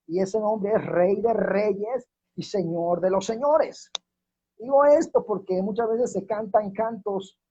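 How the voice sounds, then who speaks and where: Husky preacher with a warm voice. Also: male voice, high-pitched. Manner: slows and drops his voice to stress key words, repeats verses. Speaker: minister. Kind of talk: sermon. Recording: dull lo-fi recording.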